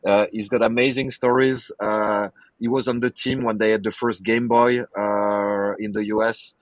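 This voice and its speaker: Low-voiced enthusiastic male podcast host. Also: little pitch movement, moderate pace, no echo. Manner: enthusiastic, rambling with fillers. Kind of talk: casual chat.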